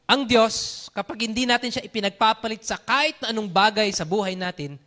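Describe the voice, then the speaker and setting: Animated Filipino preacher, high bright voice. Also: male voice, fairly quick. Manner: switches between Tagalog and English, animated storytelling. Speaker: pastor. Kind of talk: sermon.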